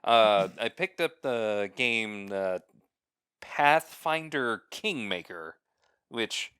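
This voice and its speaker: Male co-host, slow and halting, wry, clear bright tone. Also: on the low side, lively intonation, dry recording, clean studio sound. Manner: slow, halting, many fillers, wry complaints. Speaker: podcast co-host. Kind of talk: casual podcast chat.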